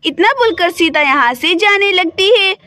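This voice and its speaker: A woman telling a children's bedtime story, her voice very high and bright. She narrates with sympathy and repeats herself often. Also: expressive, normal speed, no echo.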